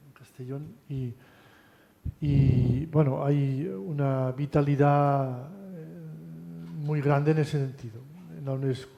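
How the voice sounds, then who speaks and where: A man's voice: a little high, fairly even intonation, slow pace, vocal fry, warm tone, highs cut off. Lecturing man in a reverberant hall. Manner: conversational, tag questions, frequent restarts. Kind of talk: university lecture.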